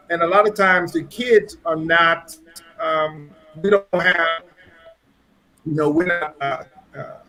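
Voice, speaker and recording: A man's voice: on the high side, bright, forceful tone, poor audio. A man from Trinidad with a Trinidadian accent, a pastor and guest, telling his story in an earnest, reflective way. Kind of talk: casual chat.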